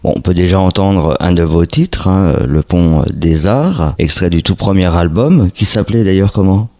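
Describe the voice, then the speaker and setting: A man's voice: sits low, normal speed, warm tone. A man hosting a casual radio interview, chatty and often adding little question tags. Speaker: radio host.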